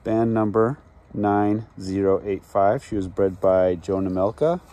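Casting: man in his forties, deep voice, slow matter-of-fact breeder chat, backyard phone video with faint noise. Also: mellow. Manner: unhurried, matter-of-fact, with frequent ums. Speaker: pigeon breeder. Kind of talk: casual show-and-tell. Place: backyard outdoors. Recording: faint outdoor background noise.

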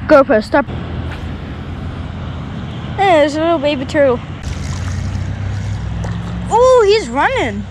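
Kid at the fishing pond, super high voice, all excited, loud outdoor noise. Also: male voice, slow pace, long pauses. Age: child. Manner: excited, chatty, exclaiming. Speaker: son fishing with his father. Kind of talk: casual chat. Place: outdoors on a grassy pond bank.

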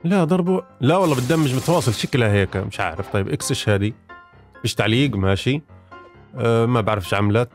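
Man, gaming YouTuber, rambling casual commentary, very fast talker, faint music behind. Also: mid-range voice, expressive. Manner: rambling, chatty, addresses viewers as guys.

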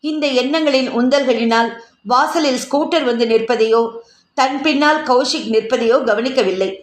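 A woman's voice: high-pitched, moderate pace. Woman reading a story aloud, echoey room. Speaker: story narrator. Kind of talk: storybook narration.

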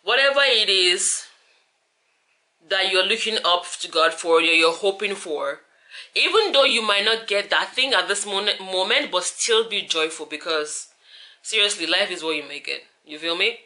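Late at night on her living room couch, a tired young woman vlogs into a camera held at arm's length, her medium-pitched voice animated, pushed and bright yet deeper than usual. She speaks at a moderate pace, chatty and rambling as she wraps up, full of "like" and "you feel me."

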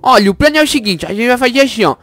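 A quick, lively, slightly high voice for an excitable baby boy speedster hero, played by a woman, bossy and frantic, jumping into shrieks whenever something goes wrong. Faint background music runs under the Minecraft roleplay. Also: no echo. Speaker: channel host.

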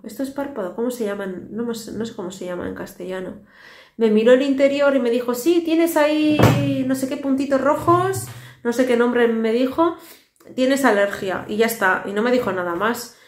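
A thirties woman, a family vlogger and native Basque speaker with a Basque Spanish accent, chats into her phone camera held at arm's length. Her voice sits on the high side, and she sounds tired, rambling casually with weary asides. She's in a tiled home kitchen indoors, so the recording echoes.

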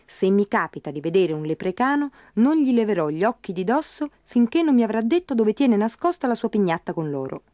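A woman's voice: medium pitch, big pitch swings, a little fast, hardly any pauses, warm tone, no room sound, clean studio sound, close to an everyday voice. A woman voicing a greedy, stubborn farm boy who talks in a cocky, scornful way in a storybook reading. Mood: scheming.

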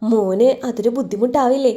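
A woman's voice: a little high, brisk, mellow, lightly acted. A woman voicing an older village father in an audio story, speaking in a hesitant, fatherly way.

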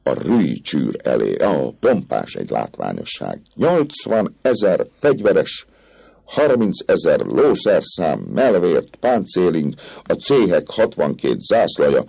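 Guy putting on a cocky smooth-talking captain, gravelly, voice jumps way up. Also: rumbling low, warm tone, pitched above the performer's own voice, full character voice. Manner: swaggering, coaxing.

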